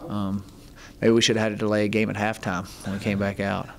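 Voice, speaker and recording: A middle-aged man, a head football coach, answering reporters at a postgame press conference, halting, with many ums and restarts. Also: fairly low pitch, flat delivery, creaky, a little hiss or hum. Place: press conference room, seated at table. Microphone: table mic in front.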